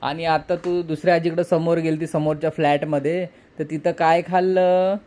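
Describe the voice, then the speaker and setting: Man gently coaxing a toddler. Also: a little high, level tone, moderate pace. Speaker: father and vlog host. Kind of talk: casual home vlog chat with his small daughter.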